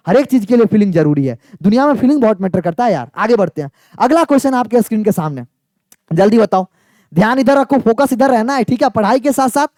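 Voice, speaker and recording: A man's voice: high voice, mellow, dry recording, clean studio sound. A man teaching chemistry in a chatty, teasing exam-prep lecture, often asking his students yes or no. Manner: playful, teasing, asks students yes or no again and again.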